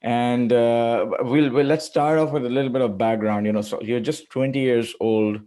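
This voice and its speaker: A man's voice: mid-range voice, fairly even intonation, normal speed, warm tone. A middle-aged man hosting an interview, talking with enthusiasm and rambling through many filler phrases. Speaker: podcast host. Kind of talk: casual interview chat.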